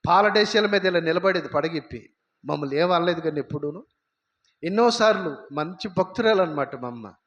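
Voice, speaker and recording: A man preaches a sermon, weaving in his own life story with emphasis and rhetorical questions to the congregation. His voice sits fairly high for a man. The church recording sounds dull and lo-fi. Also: lively intonation, fairly quick, fairly bright tone. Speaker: pastor. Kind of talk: sermon with personal testimony.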